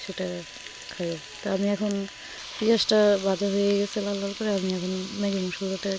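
A hoarse young woman chats unhurriedly while she narrates her cooking vlog. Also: mid-range voice, flat delivery. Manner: chatty, unhurried, talks while she works. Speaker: cooking vlogger. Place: home kitchen at the stove, earlier out on the street. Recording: noisy with frying sizzle.

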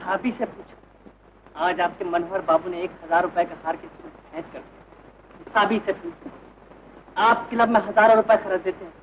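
An actor playing a spoiled, hot-tempered young drinker who demands money in a 1950s film. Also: male voice, high voice, normal speed, long pauses. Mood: bitter. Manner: demanding, shouting. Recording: dull 1950s film soundtrack, faint hiss.

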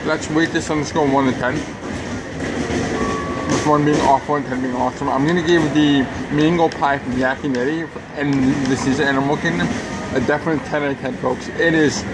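A man in his thirties sits at an outdoor theme park table giving an enthusiastic, casual food review to camera, talking between bites. His voice is fairly high with fairly even intonation, and he speaks a little fast. The outdoor recording is noisy, with a background hum.

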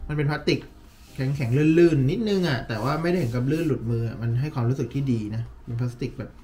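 A man in a relaxed, chatty unboxing vlog, thinking out loud and filling pauses as he handles the product. His voice sits at an ordinary middle pitch. Faint music plays underneath. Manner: relaxed, chatty, thinking aloud with many fillers. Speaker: vlogger reviewing a tablet case. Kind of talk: casual unboxing talk.

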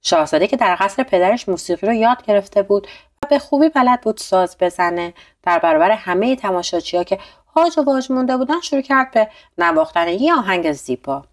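A woman narrating a bedtime story in a calm, steady storytelling manner. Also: mid-range voice.

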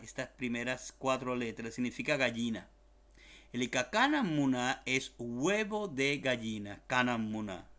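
A man's voice: medium pitch, pushed and bright. A man teaching an online language lesson, repeating each word several times, spelling it out letter by letter and adding small jokes. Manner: explains slowly, repeats words many times, spells letter by letter, jokes aside.

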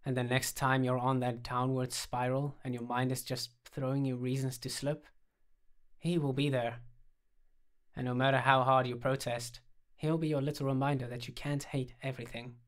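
A man's voice: mid-range voice, level tone, normal speed, smooth, lightly acted. A man voicing a playful young man who teases and coaxes with theatrical flair. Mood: earnest. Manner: teasing, theatrical, coaxing.

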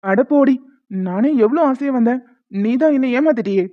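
A woman's voice: sits high, expressive, moderate pace. A woman voicing a moody, teasing young husband in a homemade cartoon, talking in a sulky, scolding way. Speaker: voice actor. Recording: tinny phone-like sound.

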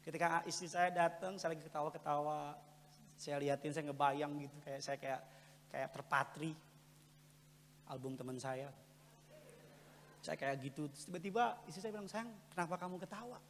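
A middle-aged man leads a lively church sermon, his voice pitched high. He swings between loud calls to the congregation and hushed, chatty asides. The big hall gives every line a long reverb tail. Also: normal speed, long pauses, slight background noise. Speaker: pastor.

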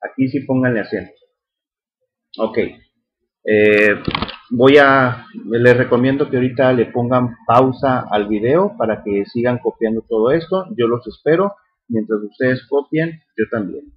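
A man's voice: medium pitch, unhurried, breathy edge. A man teaching a screen-recorded spreadsheet tutorial, patient and repetitive, often checking in with his students. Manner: patient, repeats steps, checks in with "ok". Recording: slightly dull recording with faint noise.

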